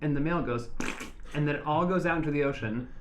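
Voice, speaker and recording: A man's voice: on the high side, quick pace. A man on a casual podcast, eagerly explaining animal facts with jokes. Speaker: guest.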